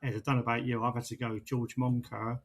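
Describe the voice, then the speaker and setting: A man's voice: mid-range voice, flat delivery, quick pace. A man hosting a sports podcast in casual, chatty style. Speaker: podcast host.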